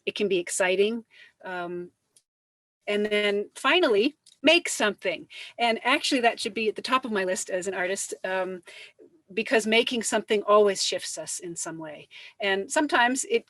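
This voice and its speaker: A woman artist giving conversational advice as a panel guest, in a measured, reflective way. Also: mid-range voice, lively intonation, a bit bright, dry recording. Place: online video call.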